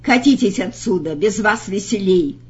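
A woman's voice: medium pitch, lively intonation, normal speed, highs cut off, natural voice. A woman voicing a bleating, taunting male jester. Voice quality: bleating goat-like tenor. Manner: taunting, showman-like. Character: mocking lanky male jester with a goat-like tenor.

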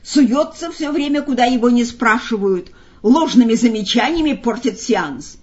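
A woman voicing a mocking male jester with a loud, bleating goat-like tenor, showy and taunting in a storybook reading. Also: a little high, animated, normal speed, muffled recording, voice pushed up, close to an everyday voice. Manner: taunting, showman-like.

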